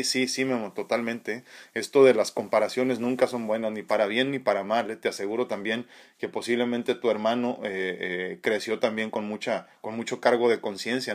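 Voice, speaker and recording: A man hosting a live stream, reading viewer comments and talking reflectively about faith, with frequent tag questions and restarts. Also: medium pitch. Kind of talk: casual spiritual live chat. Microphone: phone.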